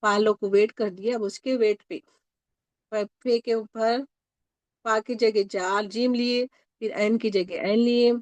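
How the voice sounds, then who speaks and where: A woman's voice: fairly high pitch, steady tone, dry recording. A woman teacher giving a grammar lesson with a Pakistani Urdu accent, going over each point patiently and often stopping to check that students follow. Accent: Urdu-speaking Pakistani.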